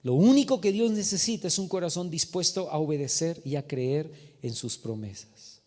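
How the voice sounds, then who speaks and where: A man preaching a sermon as pastor, animated and calling his listeners brother. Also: fairly high pitch, normal speed. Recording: reverberant hall with soft music.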